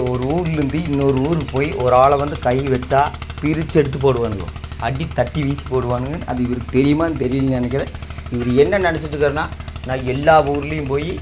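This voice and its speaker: Indignant Tamil man over background noise. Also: medium pitch. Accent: Tamil Nadu Tamil. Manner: indignant, scolding; repetitive, emphatic. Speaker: YouTube commentator. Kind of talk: critical commentary on another YouTuber.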